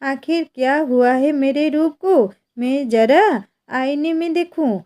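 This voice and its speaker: A woman voicing a lazy, greedy village wife with a huge appetite, who talks in drawn-out exclamations. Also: high voice, darkish tone. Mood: frantic.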